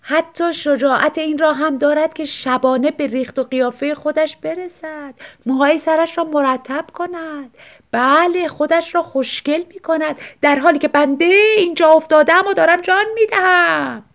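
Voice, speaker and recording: A high, loud, moaning voice of a sickly wife around fifty, as a woman narrator puts her on. She complains in a slow, self-pitying whine throughout this audiobook story. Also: animated. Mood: bitter. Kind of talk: audiobook reading.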